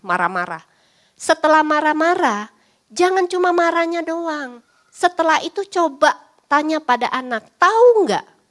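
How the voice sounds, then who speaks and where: A woman's voice: fairly high pitch, fairly bright tone. A woman psychologist giving a parenting class in a chatty, teasing way, often acting out lines of parents and children. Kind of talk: parenting seminar talk.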